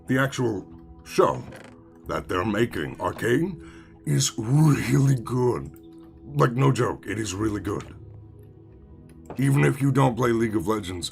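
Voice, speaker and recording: A male streamer with a low, gravelly voice chats loosely while he plays, jumping between topics and answering his viewers. His pitch swings up and down a lot, and he swears and makes fun of himself. Soft music plays behind him. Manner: rambling, self-mocking, swears casually, answers chat. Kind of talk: casual live-stream chat while gaming.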